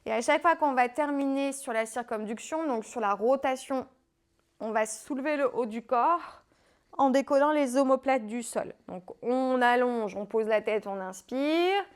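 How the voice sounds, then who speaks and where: A woman with a French accent coaching a home core workout, calmly cueing breath and movement and now and then stumbling over a word. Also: high-pitched, normal speed, smooth. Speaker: fitness coach. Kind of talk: guided home workout instruction. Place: home living room.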